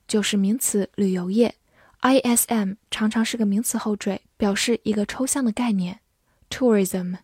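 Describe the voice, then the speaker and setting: A woman teaching English vocabulary, speaking in a measured, clear way. She spells each word letter by letter and reads example sentences slowly. Her voice is mid-pitched and dry, with no room sound. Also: darkish tone, no echo. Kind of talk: scripted vocabulary lesson.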